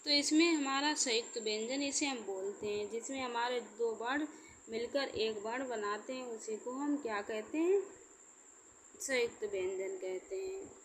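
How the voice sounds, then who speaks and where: A woman teaching an exam-prep grammar lesson, speaking slowly and repeating points, asking herself questions and then answering them. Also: fairly high pitch, a little hiss or hum.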